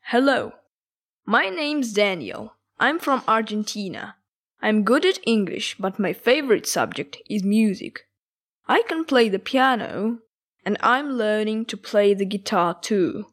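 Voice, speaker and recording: A teenage schoolboy , voiced by a woman, introduces himself at an unhurried pace with an even mid-range voice. He speaks carefully and clearly, like a recording from a language coursebook. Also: medium pitch, exaggerated voice. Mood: cheerful. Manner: slow, careful, clear delivery. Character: teenage schoolboy from Argentina, keen on music. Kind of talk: scripted textbook dialogue.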